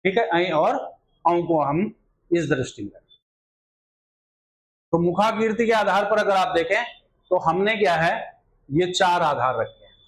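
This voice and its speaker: A man's voice: sits high, rough recording. A man teaching a Hindi grammar lesson for exam students, repeating filler phrases and asking rhetorical questions as he explains. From India.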